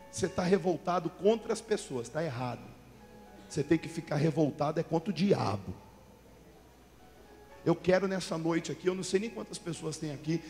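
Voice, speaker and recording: A male pastor preaching a fervent Pentecostal sermon, swinging from quiet talk to shouting. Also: mid-range voice. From Brazil. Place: large church hall. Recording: church hall reverb with faint music.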